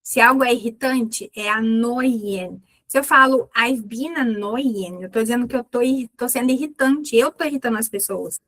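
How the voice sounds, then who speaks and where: A Brazilian woman teaching an English lesson, explaining in a clear instructive way and repeating English words slowly for practice. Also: a little high, a bit bright. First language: Portuguese.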